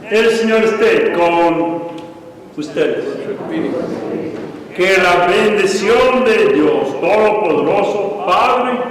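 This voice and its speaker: A male priest with a fairly high voice leads the service at an unhurried, measured pace. He is caught by a distant mic, so his words ring out in a big cathedral echo over steady background noise. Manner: slow, measured liturgical delivery. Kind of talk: leading a church service. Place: large church. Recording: echoey church from far off, noisy.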